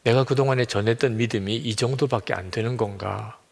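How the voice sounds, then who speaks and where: A man's voice: medium pitch, a little fast, gravelly, a little mellow, breathy edge. A man preaching as a pastor. He tells a story and changes his voice when he quotes other people. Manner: retells a story, switching voices for quoted speakers. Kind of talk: sermon, storytelling. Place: church sanctuary. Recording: long reverb of a church hall.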